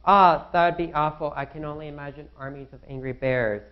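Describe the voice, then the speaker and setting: A man's voice: a little high, fairly quick, highs cut off, a little hiss or hum, lightly acted. A young man playing an anxious founding father in a student skit, fretting aloud to himself. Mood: worried musing. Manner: fretful, talks to himself.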